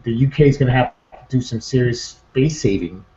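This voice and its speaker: Dark-toned and medium-pitched, a man talks a little fast while co-hosting a casual online talk show, keeping the two-person chat informal and subdued. The setting is an indoor room during an online video hangout; the muffled internet call sounds echoey with faint noise.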